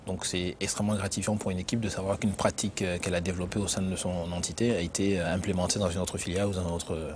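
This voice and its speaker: A man who grew up in Benin, an internal auditor answering interview questions in a measured, explanatory way with frequent hesitations. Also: deep voice, level tone, slight background noise. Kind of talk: corporate career interview.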